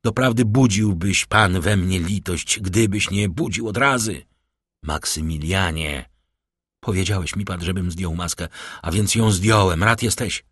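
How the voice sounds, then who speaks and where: Male narrator doing desperate young man, husky, loud, impassioned, storybook reading. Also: sits low, fairly even intonation, a little slow, dry recording, clean studio sound. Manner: impassioned, rising to outbursts.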